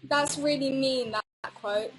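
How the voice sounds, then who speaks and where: A woman's voice: high voice, measured pace, rough recording. A young woman chatting casually on a livestream, reading out viewer quotes in a rambling, hesitant way.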